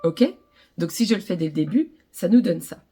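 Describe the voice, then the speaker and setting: A woman with a French accent teaching ukulele to children, gently encouraging them through the lesson. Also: lowish voice, lively intonation, normal speed, music in the background.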